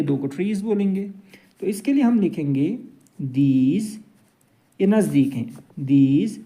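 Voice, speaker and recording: A man's voice: fairly high pitch, dark tone. A man teaching an English grammar lesson, drawing out each example sentence. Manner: slow, drawn-out example sentences.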